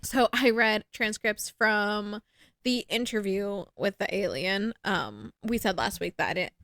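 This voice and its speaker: A woman's voice: mid-range voice, expressive, a little slow, fairly bright tone, dry recording, clean studio sound. A woman co-hosting a podcast in casual chat, rambling with lots of fillers and poking fun at herself. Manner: rambling, filler-heavy, self-deprecating. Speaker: podcast co-host.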